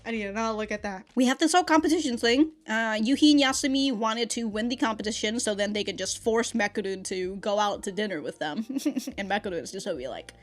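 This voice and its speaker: A woman with a mid-range voice talks fast as an anime reaction host and reviewer. Her commentary is casual and rambling, giggly and full of slang, with some swearing.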